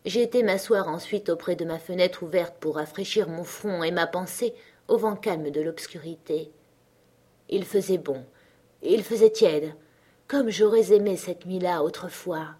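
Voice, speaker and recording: A woman reading a literary diary aloud, in an intense, anguished delivery that drops into hushed whispers. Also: fairly low pitch. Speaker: reader.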